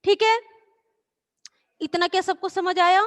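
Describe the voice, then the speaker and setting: A woman's voice: extremely high pitch, steady tone, fairly bright tone. A woman teacher patiently reciting letters and explaining to children in an online class. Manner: slow, patient, drawn-out recitation.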